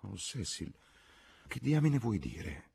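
A man voicing a candid, dreamy young English woman in an audiobook, raising his voice lighter and higher for her. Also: sing-song, slow, vocal fry, darkish tone, slightly rough, full character voice.

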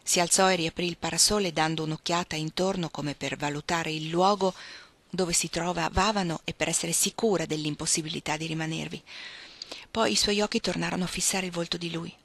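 A woman narrating a novel in a measured, steady audiobook reading. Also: on the low side. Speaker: reader.

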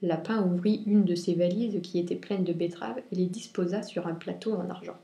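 A woman reviewing and reading a children's picture book aloud in clear, expressive storytelling. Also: on the low side, a little fast, very noisy. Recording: roomy echo.

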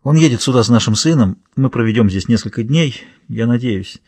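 A man voicing an earnest, remorseful woman in a thriller audiobook, reading her lines in a gentle, persuasive way. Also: medium pitch, lively intonation, a little fast, slightly rough, dry recording. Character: remorseful woman reaching out to a friend.

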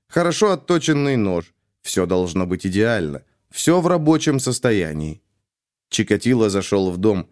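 A man reading an audiobook in steady, even scripted narration. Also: fairly low pitch.

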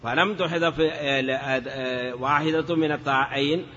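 Male teacher, patient classroom lecturer, bright tense voice, roomy lo-fi lecture recording. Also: medium pitch, fairly even intonation. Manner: patient, explanatory, checks understanding with short questions; sounds words out slowly, syllable by syllable. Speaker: teacher of Arabic morphology.

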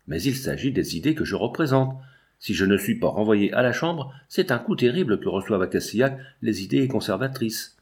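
A scheming old provincial deputy, as a male reader puts him on. He pleads and presses in a low, wheedling voice, never letting go of his point. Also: expressive, fairly quick. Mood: pleading.

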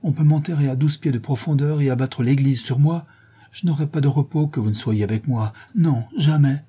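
A man's voice: medium pitch, brisk, warm tone, breathy edge, natural voice. A man reading aloud as a feverish, delirious young woman, speaking in an impassioned, pleading way. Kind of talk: audiobook character reading.

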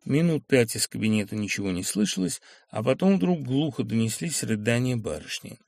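A male narrator reads a classic novel with dramatic expression, his pitch rising and falling widely. The voice is gravelly, and the recording is dry and close. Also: lively intonation, a little fast, a little mellow, dry recording. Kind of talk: audiobook reading of a classic novel.

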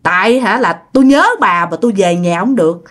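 A woman's voice: lively intonation, a little fast, lightly acted. A woman voicing the angry, defiant spirit of a dead teenage girl speaking through a possessed relative in a told ghost story. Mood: resentful. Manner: snapping, shrill, accusing.

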